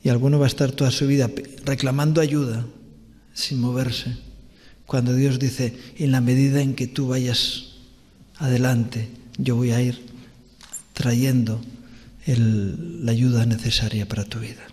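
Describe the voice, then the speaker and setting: A man pastor with a Spanish accent preaching a sermon in a church, earnest, with pauses, restarts and rhetorical questions. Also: medium pitch, little pitch movement, darkish tone. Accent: Spanish from Spain. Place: church hall. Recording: long church reverb.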